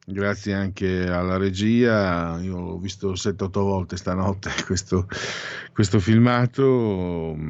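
A man hosting informal radio, reading out headlines haltingly with offhand asides. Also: medium pitch, no room sound, muffled recording. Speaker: radio host.

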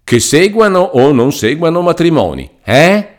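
A man's voice: on the low side, lively intonation, a little slow, voice pushed up. A man voicing a pompous, fussy middle-aged country lawyer who blusters and reads legal texts theatrically.

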